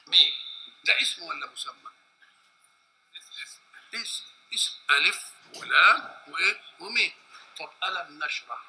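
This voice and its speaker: A man with an Egyptian Arabic accent gives a spoken religious lesson in a gravelly, bright, fairly high voice. He keeps asking his listeners questions and answers them himself, stretching out single letters as he goes. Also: low-quality recording. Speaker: religious teacher.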